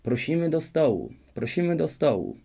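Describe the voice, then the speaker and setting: A fairy-tale king fusses politely and frets in a storybook reading. A man reads him in a lowish voice close to his own. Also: normal speed, warm tone. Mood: eager. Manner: courteous and flustered.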